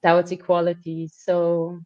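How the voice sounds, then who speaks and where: A woman's voice: lowish voice, monotone, a little slow, a little mellow, dry recording. A woman expert in a panel discussion, thoughtful and hesitant, with frequent fillers. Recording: dry, dull lo-fi audio.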